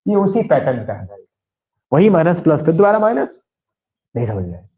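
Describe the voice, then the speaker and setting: A man with a western Uttar Pradesh Hindi accent teaches a maths class, quizzing students and repeating key points. His fairly high voice has a sing-song quality at normal speed. The lecture is captured in an echoey, dull lo-fi classroom recording.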